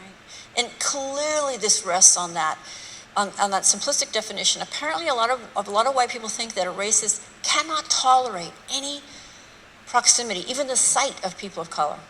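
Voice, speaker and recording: Female lecturer, bright forceful voice, blunt and wry, live talk in a reverberant hall. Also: fairly high pitch, animated, a little fast, slight background noise. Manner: blunt, rhetorical, mocking asides. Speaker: speaker giving a talk on race. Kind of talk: public lecture to a live audience. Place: large hall with an audience. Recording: hall reverb, faint room ambience.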